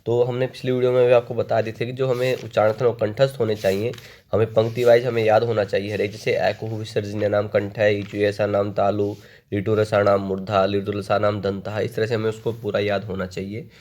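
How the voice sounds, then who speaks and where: A man leads an online exam-prep lesson in a fairly low voice. He reads each question aloud, then recites the word forms in slow, rhythmic lists. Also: little pitch movement, a little mellow. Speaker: Sanskrit exam tutor.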